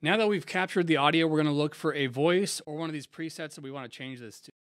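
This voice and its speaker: A young man from San Diego, a music producer hosting a casual software tutorial in a laid-back, slangy, conversational way. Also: fairly high pitch, fast talker. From San Diego, USA.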